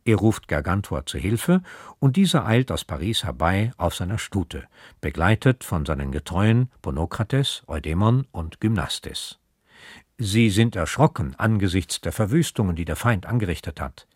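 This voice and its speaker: A male radio presenter gives a calm, scripted introduction. His fairly low voice is husky and moves widely. The sound is dry. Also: normal speed, dry recording.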